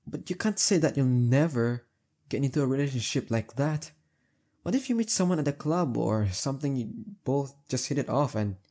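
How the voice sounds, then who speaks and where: A young man voices a heartbreaker friend in intimate roleplay audio, his mid-range delivery casual and halting, emphatic, with a soft husky edge.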